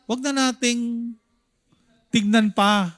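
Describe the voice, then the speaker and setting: A male pastor with a Filipino accent teaching a Sunday school sermon, animated and acting out the crowd's shouts, slipping English lines into his talk. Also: very high-pitched, takes it slowly.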